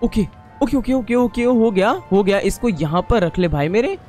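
Young man, gaming commentary, swinging pitch, excitable and chatty with viewers, faint music under. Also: normal speed. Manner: excitable, talks to viewers, scolds the game. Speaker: gaming YouTuber. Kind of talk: casual gameplay commentary.

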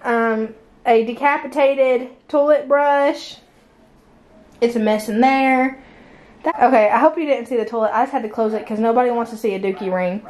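High-voiced chatty woman. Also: normal speed, darkish tone, slight background noise. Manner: chatty, encouraging, self-deprecating. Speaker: vlogger. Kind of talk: casual clean-with-me vlog. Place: small home bedroom and bathroom.

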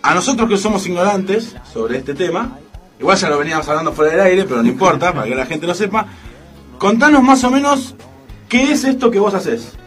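Lively Argentine co-host, off-mic. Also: male voice, sits high, fairly quick, far from the mic, soft background music. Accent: Argentine Spanish. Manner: animated, complaining, laughs between words. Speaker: radio co-host. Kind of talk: casual radio banter. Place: radio studio.

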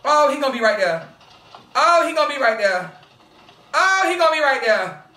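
A young man hosting a movie reaction video, loud and dramatic, swearing and shrieking at the screen. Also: extremely high pitch, sing-song, moderate pace, echoey room, far from the mic.

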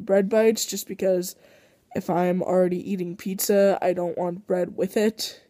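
A sick teenage girl talks through her day in a slow, rambling way, full of ums and restarts. Her voice is mellow and a little stuffy from congestion. The sound is dry and close, with no room echo. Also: medium pitch. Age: teens. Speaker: vlogger. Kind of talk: casual daily vlog.

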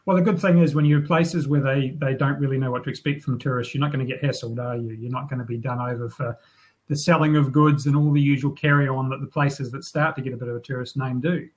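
A middle-aged man hosts the interview from a room at home, talking quickly over a webcam on a video call. His tone is conversational, and he keeps asking leading questions. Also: mid-range voice, steady tone, darkish tone, low-quality recording. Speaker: podcast host.

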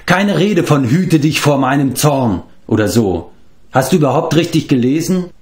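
A man reading aloud and voicing a spirited, proud young girl with a sharp tongue. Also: medium pitch, lively intonation, pitched above the performer's own voice, lightly acted. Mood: indignant. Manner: indignant, quick, sharp-tongued. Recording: roomy echo.

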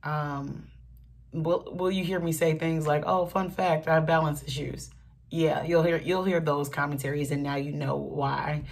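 A young woman talking earnestly in a casual get-ready-with-me vlog, with many pauses and fillers. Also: deep voice, husky. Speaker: vlogger.

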